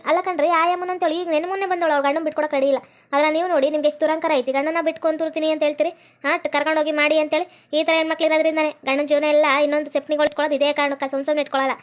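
A stern no-nonsense police officer, played by a woman, firing off threats in a very high voice. She talks fast with a North Karnataka Kannada accent and scolds without pause. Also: flat delivery, natural voice. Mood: scolding.

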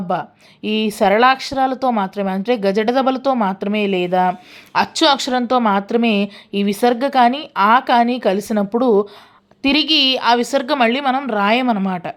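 A woman teacher explains grammar rules step by step, her voice sitting a little high. She slows right down to spell out each example, then checks in with the listener before moving on. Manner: asks the listener frequent check questions.

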